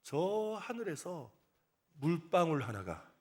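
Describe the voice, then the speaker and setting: A man's voice: a little high, big pitch swings, takes it slowly, darkish tone. A male pastor preaching a sermon in a church, telling a story with animation and asking the congregation rhetorical questions. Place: church sanctuary.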